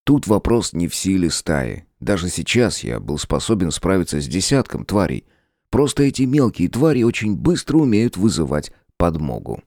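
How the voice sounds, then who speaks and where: Deep-voiced man narrating with sardonic bite. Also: sing-song, normal speed, a little mellow, no room sound, clean studio sound. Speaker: audiobook narrator. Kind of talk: first-person audiobook narration.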